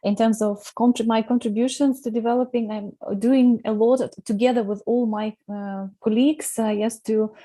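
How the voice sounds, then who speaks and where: A woman's voice: fairly high pitch, steady tone, moderate pace, hardly any pauses, dark tone. A woman in her forties from Ukraine, speaking English on a video call as a panel speaker, earnest, with many hesitations. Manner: earnest, many "uh" fillers, careful non-native phrasing. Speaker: invited speaker, social work academic. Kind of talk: conference panel talk. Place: indoors before a branded backdrop.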